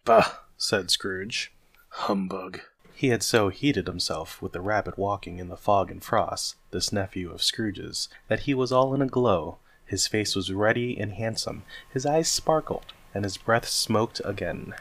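A man reading a classic story aloud as narrator, measured and expressive. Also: on the low side, dry recording. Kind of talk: scripted narration.

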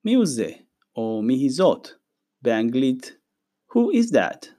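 A man teaching a recorded vocabulary lesson. He says each new word slowly, gives its meaning, and says it again. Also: medium pitch, very animated, mellow. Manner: reads each word slowly, then translates and repeats it. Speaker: language teacher.

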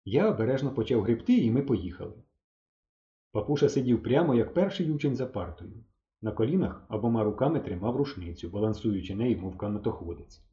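A man reading a children's audiobook aloud with lively storytelling. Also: mid-range voice, brisk, reverberant, dull audio. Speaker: audiobook narrator.

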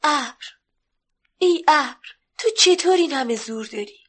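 A woman's voice: sits high, lively intonation, fairly bright tone. A woman voicing a small young sparrow in a 1970s children's radio story, earnest and calling out. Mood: pleading.

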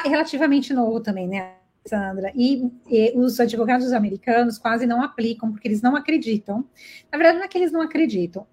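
A woman interviewer who asks questions and explains matters in an explanatory, reassuring conversational tone. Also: on the high side.

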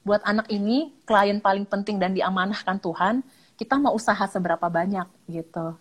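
A woman talking through parenting advice in a relaxed, chatty way. She switches readily into playful quoted voices and sprinkles English terms into her speech. Her delivery is expressive, and her pitch sits at a typical level for a woman. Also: normal speed. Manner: animated, acts out parents' quotes with lively intonation; mixes English words into speech. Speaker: child psychologist guest. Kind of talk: casual live-stream chat.

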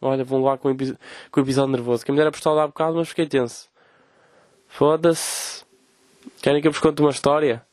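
A man's voice: mid-range voice, steady tone, fast, long pauses, a little mellow, dry recording. A young man from Portugal with a European Portuguese accent, hosting a podcast as a casual comedic rant, swearing often and mimicking people in quoted voices. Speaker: podcast host.

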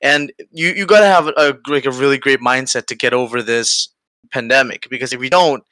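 A man with an Aruban accent hosting a casual conversation, often halting to search for words and leaning on "you know". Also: mid-range voice, sharp tone, dry recording. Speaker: podcast host.

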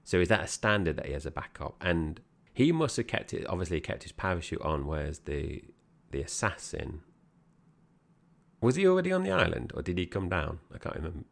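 A man's voice: sits low, very animated, brisk, gravelly. A man co-hosting a podcast, chatting casually about a film and addressing his co-host directly. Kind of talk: casual film review chat.

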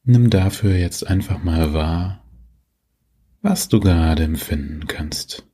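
A man guiding a sleep meditation like a sleep story narrator, soothing and gentle, leaving long pauses, in a soft, husky voice. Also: low-pitched. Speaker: meditation guide, host.

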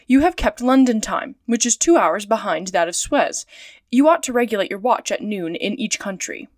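A woman reads a calm male detective in a storybook. He speaks steadily, with measured, probing questions. The sound is close and dry. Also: medium pitch, dry recording, natural voice.

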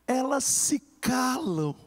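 A man preaching a fervent sermon, swinging between loud cries and hushed lines. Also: very high-pitched, big pitch swings, slow, big-room sound.

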